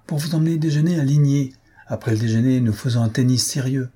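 A man's voice: mid-range voice, flat delivery, fast, warm tone, breathy edge, voice pushed up, lightly acted. A man reading aloud, voicing a coy, chatty society lady.

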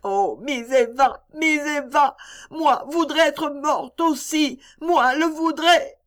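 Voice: sits high, steady tone, takes it slowly, a bit bright, pitched above the performer's own voice. A reader voicing a grieving young girl servant who is crying and pleading in broken speech. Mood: sobbing.

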